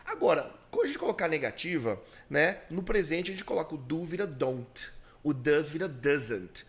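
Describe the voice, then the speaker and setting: Man, Brazilian Portuguese accent, English teacher, patient drilling, animated pitch. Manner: patient, explains slowly and drills repetition. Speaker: English teacher and podcast host. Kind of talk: bilingual English lesson.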